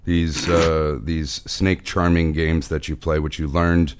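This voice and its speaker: A male podcast host in casual comedic banter, teasing bluntly and deadpan. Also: rumbling low, takes it slowly, smooth.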